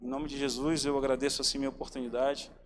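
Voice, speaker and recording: Informal preacher in an echoing church. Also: male voice, mid-range voice, flat delivery, fast talker. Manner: informal, addresses listeners as "cara" and "irmãos". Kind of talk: sermon. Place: church hall. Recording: reverberant church hall, faint ambient noise.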